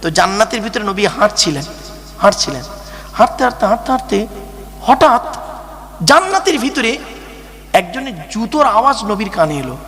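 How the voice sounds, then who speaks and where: A man's voice: high voice, big pitch swings, fast, a bit bright. A man preaching an emotional sermon, telling a story dramatically and asking the audience rhetorical questions. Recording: echoey hall with faint hum.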